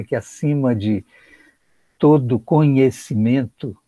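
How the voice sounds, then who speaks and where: A man sharing slow, reflective devotional remarks that quote scripture in a study group. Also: medium pitch, mellow, dry recording.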